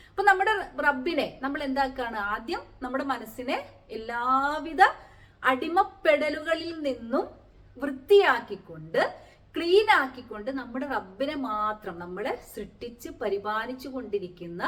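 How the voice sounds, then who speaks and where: A woman teaching the meaning of Quranic prayers word by word, explaining slowly and asking rhetorical questions. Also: high-pitched, fairly bright tone. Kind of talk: Quranic Arabic lesson.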